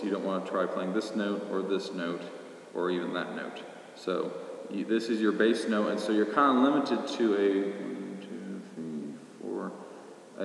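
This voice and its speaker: A man casually teaching flute, his voice ringing with a cave-like echo in an indoor racquetball court, picked up by a computer mic from a distance. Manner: easygoing, explanatory. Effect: booming cave-like echo. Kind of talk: casual instrument tutorial. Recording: echoey court reverb from far off.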